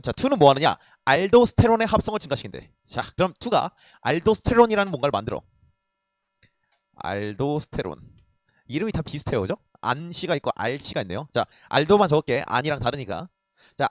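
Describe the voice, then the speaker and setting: A Korean language tutor with a high voice, recorded without echo, lectures on reading a passage. He's casual and blunt, swears freely, and keeps checking whether his students are following along.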